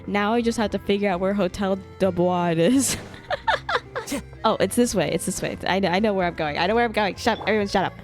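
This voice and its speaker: A woman with a medium-pitched voice speaks briskly while livestreaming a game, tossing out casual, playfully sarcastic, sweary commentary as she reacts and chats with viewers. Game music plays in the background.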